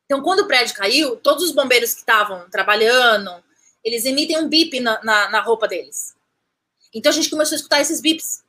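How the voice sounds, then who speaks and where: A woman, recounting a personal story as an interview guest, animated, restarting phrases and acting out what people said. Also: on the high side, brisk. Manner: animated, restarts phrases, acts out quoted speech.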